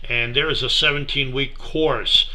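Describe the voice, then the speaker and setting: A middle-aged man giving a relaxed, unhurried slideshow talk about a mission project, with many fillers. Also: mid-range voice. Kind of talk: casual slideshow presentation.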